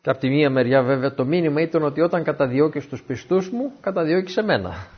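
A man giving a Bible teaching talk, a lively storyteller who asks his listeners questions. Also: on the high side, husky. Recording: dull, muffled lo-fi recording.

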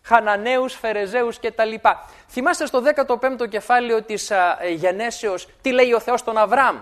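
A man preaching a sermon, animated and repeating words for emphasis. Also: extremely high pitch.

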